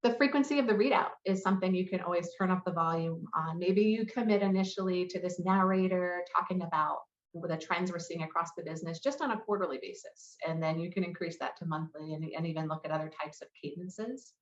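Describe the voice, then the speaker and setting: This conference presenter, a head of customer marketing, speaks in a lowish voice, fairly quickly and with few pauses. She gives a business presentation and takes questions, recorded with a roomy echo and a slightly muffled quality.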